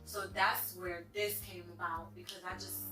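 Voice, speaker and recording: A woman's voice: on the low side, level tone, moderate pace. A woman in her twenties, a salon owner and interview guest, speaking earnestly in casual chat with filler words. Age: 20s. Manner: earnest, talks in 'like' and 'you know' fillers. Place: hair salon. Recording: echoey room, mic at a distance, faint music.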